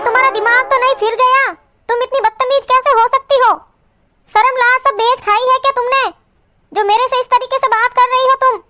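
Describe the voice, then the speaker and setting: A woman voicing a kind, patient elder daughter-in-law in a family cartoon who speaks gently and reasons things through. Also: extremely high pitch. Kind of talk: cartoon voice acting.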